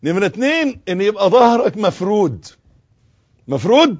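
A man's voice: sits high, very animated. Egyptian man teaching recitation, lo-fi sound. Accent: Egyptian Arabic. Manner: corrects and demonstrates, drops to soft slow recitation. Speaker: religious teacher. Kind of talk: instructional talk on prayer and recitation.

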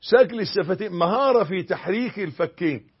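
An Egyptian man with a slightly high, husky voice gives a sermon on how to recite and pray. He drawls the verses when he demonstrates them, then pushes hard on corrections. The recording sounds muffled and lo-fi. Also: lively intonation. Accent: Egyptian Arabic. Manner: instructive, demonstrates recitation slowly, swings from emphatic to hushed. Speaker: religious teacher. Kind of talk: sermon teaching prayer and recitation.

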